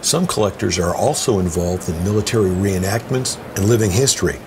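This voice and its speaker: A man giving a smooth, scripted promotional narration as a voice-over. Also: low voice, fairly quick, noisy background. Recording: voice-over with music underneath.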